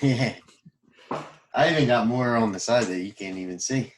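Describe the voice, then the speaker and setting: A man's voice: mid-range voice, moderate pace, a little hiss or hum. A man co-hosting a casual podcast over a video call, rambling with ums and laughs. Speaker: podcast co-host. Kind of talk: casual chat. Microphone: remote call mic.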